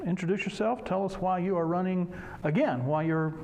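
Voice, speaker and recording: A man's voice: high-pitched, brisk, a little mellow. A man speaking through a face mask as he moderates a local election debate. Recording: noisy ambience, masked speech. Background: clear ambient noise.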